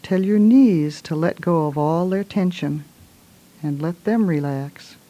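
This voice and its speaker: Slow, soft-spoken woman guiding relaxation. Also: lowish voice, highs cut off. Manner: soothing, gently instructing, short unhurried phrases. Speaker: guided relaxation leader. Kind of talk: guided relaxation meditation.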